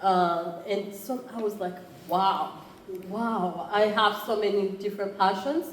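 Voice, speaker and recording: A woman's voice: medium pitch, a little slow, slight background noise. A woman in her thirties from Rwanda with a Rwandan accent, giving a conversational conference talk with frequent fillers and restarts. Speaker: entrepreneurship program chair. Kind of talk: conference presentation. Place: conference room. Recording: roomy, faint background ambience.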